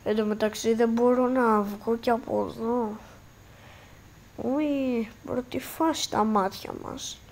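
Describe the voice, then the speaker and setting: Woman vlogger, hiccups, slangy, swears, fairly high voice. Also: steady tone, a little mellow. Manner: slangy, drops English words and swears. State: has hiccups. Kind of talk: casual vlog chat. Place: grandmother's house, on a couch.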